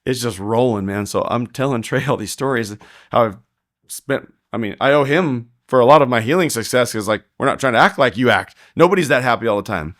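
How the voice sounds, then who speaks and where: A man on a podcast tells his stories in a loose, animated way, acting out what others said in their voices. His pitch sits in the ordinary middle, and the sound is dry and close with no room around it. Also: fairly quick, no room sound. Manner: animated retelling, acting out quoted talk; frequent laughter, restarts. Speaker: podcast guest, rodeo heeler. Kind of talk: casual storytelling in a podcast interview.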